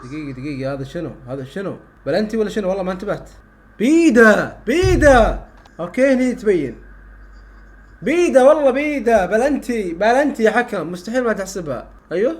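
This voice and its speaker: A young man reacting live to a football match, exclaiming and repeating phrases, shouting at goals. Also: sits high, very animated, quick pace. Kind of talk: excited live reaction commentary.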